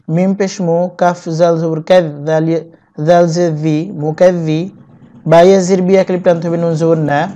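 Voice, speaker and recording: A man teaching Quran reading, spelling out syllables one by one and chanting each verse slowly. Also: fairly high pitch, mellow. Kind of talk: step-by-step recitation lesson. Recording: dull lo-fi recording.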